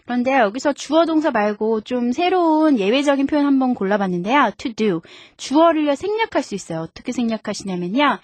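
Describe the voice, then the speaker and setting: A woman hosting a radio English lesson, explaining step by step and slowly repeating each example sentence. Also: high voice, lively intonation, no echo. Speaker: radio English teacher host.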